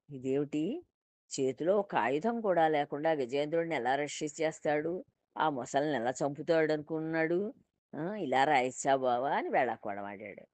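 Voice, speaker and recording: Low-voiced woman telling devotional stories. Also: no echo. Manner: lively, dramatic retelling with many voiced quotes. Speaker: spiritual storyteller. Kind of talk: devotional storytelling discourse.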